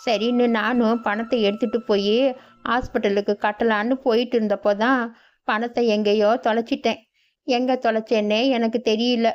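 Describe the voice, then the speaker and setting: Woman doing old grandmother, wailing, pleading, high voice, cartoon story, dull lo-fi sound, soft music. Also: flat delivery, moderate pace, lightly acted. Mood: tearful, pleading. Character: frail grieving old village grandmother. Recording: dull lo-fi audio with background music.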